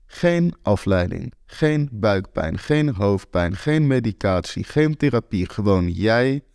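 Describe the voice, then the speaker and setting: A man's voice: fairly low pitch, sing-song, slow, vocal fry, a little mellow, dry recording, exaggerated voice. A blunt, teasing young woman speaks in a matter-of-fact way, as a male narrator reads her lines. She talks in a slightly raised voice, dry and close to the mic.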